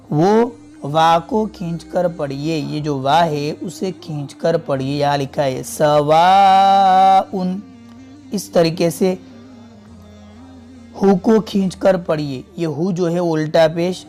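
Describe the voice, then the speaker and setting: A man teaching a Quran reading lesson step by step, slowly repeating and drawing out each example word. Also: a little high, darkish tone, soft background music. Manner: slow, patient, repeats and stretches out example words.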